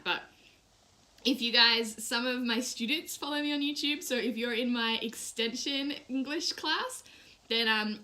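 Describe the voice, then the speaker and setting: A woman's voice: fairly high pitch, sharp tone. A young woman chatting casually on a live stream, snacking and talking with her mouth full between remarks. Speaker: YouTuber and English teacher in Japan.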